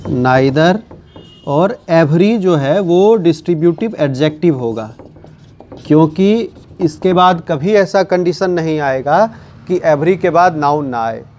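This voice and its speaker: A man teaches English grammar in an unhurried classroom lesson. His voice sits a little high, and he speaks slowly. He repeats key terms and answers his own questions as he goes. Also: lively intonation, a little mellow, a little hiss or hum. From India.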